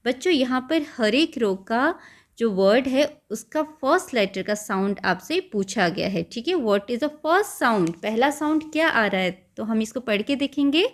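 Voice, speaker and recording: A woman teaching young children from a school workbook, slow and patient, mixing Hindi and English and stressing each word as she reads it aloud. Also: a little high, animated.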